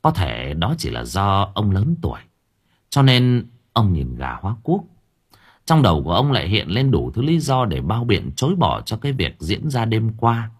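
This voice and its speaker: A man's voice: on the low side, very animated, normal speed, breathy edge. A man reading a horror story aloud as an audiobook narrator, with dramatic, suspenseful delivery.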